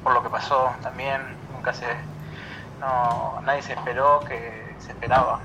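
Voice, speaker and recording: Guy on a noisy phone call into a radio show, serious, kinda halting, mid pitch. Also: flat delivery. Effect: heard over a phone line. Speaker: caller phoning in from abroad.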